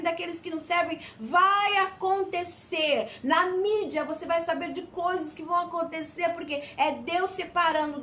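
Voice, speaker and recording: High-voiced fervent Brazilian woman preacher. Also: pushed and bright. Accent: Brazilian Portuguese. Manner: fervent preaching with repeated "Amém?" calls. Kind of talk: sermon.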